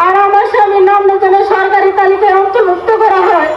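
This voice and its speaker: A young woman with a Bangladeshi accent speaks in an extremely high, tearful voice. She pleads in distress, as in an emotional public appeal. The sound is dull and echoey, with some noise around her. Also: flat delivery, fast talker. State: tearful, close to crying. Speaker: bereaved widow making a public appeal. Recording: dull, noisy, echoey news interview audio.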